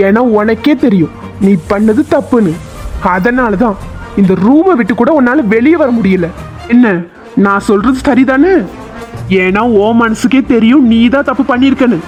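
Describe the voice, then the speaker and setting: A woman's voice: high voice, darkish tone. A woman voicing an angry young man who harshly accuses his fiancée in a cartoon.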